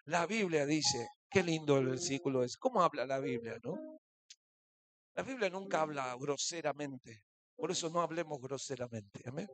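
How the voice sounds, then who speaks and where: A man pastor with a Rioplatense Spanish accent, preaching a sermon with frequent calls of "aleluya" and "amén" to the congregation and joking asides. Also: fairly high pitch. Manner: humorous asides, acting out little voices in stories.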